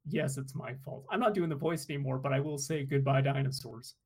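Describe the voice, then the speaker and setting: A man's voice: fairly high pitch, quick pace, a little mellow, husky. A man co-hosting a podcast, chatting casually with dry, self-mocking jokes. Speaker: podcast co-host. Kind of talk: casual chat.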